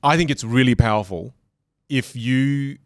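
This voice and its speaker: A man with an Australian accent that leans British chats casually as a podcast guest, animatedly discussing communication and acting out other voices. His mid-range voice moves a little slowly, and the recording is dry and studio-clean.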